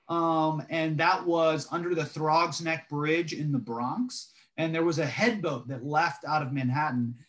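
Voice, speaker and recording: A young man talks on a video call in a slightly raised voice. He rambles through his stories at an easy pace, sprinkling in ums and restarts. He sounds like a casual co-host. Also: on the high side. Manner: relaxed storytelling with frequent fillers. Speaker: podcast co-host. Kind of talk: casual chat.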